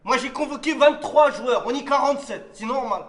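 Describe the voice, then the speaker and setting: A man in a comedy sketch who plays a coach and gives bossy, rapid-fire orders to his team. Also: very high-pitched, fairly bright tone.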